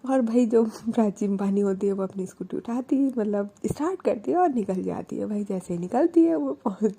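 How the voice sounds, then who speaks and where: A woman's voice: medium pitch, animated, moderate pace, creaky, dark tone, a little hiss or hum. A young adult woman telling a love story in a casual, chatty way, with frequent English fillers.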